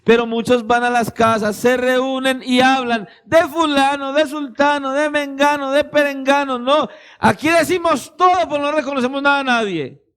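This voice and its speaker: A man's voice: very high voice, fairly even intonation, moderate pace, a bit bright. A man preaching a sermon as pastor, emphatic and speaking straight to his listeners. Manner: emphatic, addresses listeners directly, acts out little dialogues.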